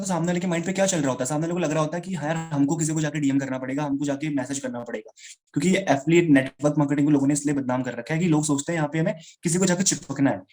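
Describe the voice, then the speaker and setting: तेज़ बोलने वाला उत्साही सेल्स ट्रेनर आदमी. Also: male voice, on the high side, a little mellow. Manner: fast, chatty, addresses listeners as guys and brother. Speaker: sales trainer. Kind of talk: live online sales training. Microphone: video call.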